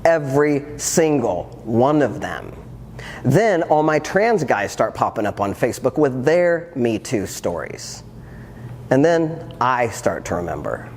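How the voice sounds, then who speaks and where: A man's voice: mid-range voice, big pitch swings, measured pace, slight background noise. A man in his fifties, a transformational coach, telling his personal story to an audience with earnest reflection and wry humor. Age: 50s. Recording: long hall reverb, faint ambience.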